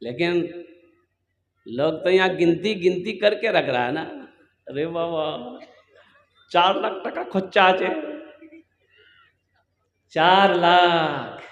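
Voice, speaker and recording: A man's voice: sits high, expressive, a little slow, gravelly, long pauses. A man with a Kolkata Bengali accent preaching a sermon to a large gathering, urging the crowd with humorous asides. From Kolkata, India. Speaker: Islamic preacher. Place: large outdoor religious gathering. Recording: echoey public-address reverb.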